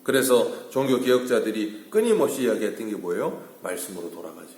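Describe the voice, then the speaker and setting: A man, a pastor, preaching an early-morning sermon, often rising to emphatic peaks and then dropping low and quiet. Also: expressive, brisk, roomy sound. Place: church sanctuary.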